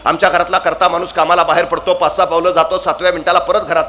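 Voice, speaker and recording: A woman telling a historical battle story with lively drama, building to shouted battle cries with playful asides. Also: fairly low pitch, rapid-fire.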